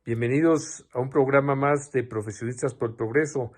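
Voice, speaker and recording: A man's voice: mid-range voice, moderate pace, a little mellow, faint music behind. Mexican man hosting formally. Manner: formal, welcoming. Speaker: host. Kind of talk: scripted show introduction.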